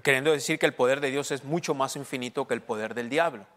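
A male pastor preaching in a church hall, quizzing the congregation as he goes and slipping between Spanish and English. His voice sits at an everyday middle pitch and carries a long, lingering reverb from the room. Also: quick pace, fairly bright tone. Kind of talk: sermon.

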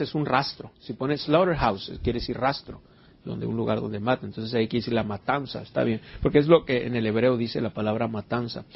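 Male pastor, raspy mid-pitched voice, conversational sermon, muffled low-fidelity recording. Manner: earnest, repeats words, asks the congregation questions. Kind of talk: conversational sermon with Bible study. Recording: dull lo-fi recording.

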